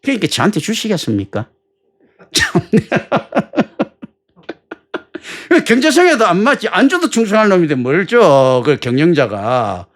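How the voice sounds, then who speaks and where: A man's voice: sits high, huge pitch swings, brisk, few pauses. A male pastor preaching a sermon in a colloquial, joking way, full of rhetorical questions.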